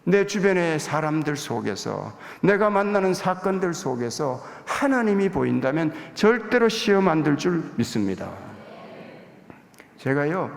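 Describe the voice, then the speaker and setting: A man's voice: on the high side, gravelly. A male pastor giving a confessional, humorous sermon in a church sanctuary, with hall reverb.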